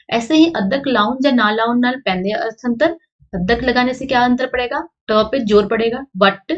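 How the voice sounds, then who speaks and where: A woman teaches a grammar lesson in a fairly high voice. She reads each passage and then explains it, repeating example words slowly to bring out the difference in sound. The recording is dull and muffled.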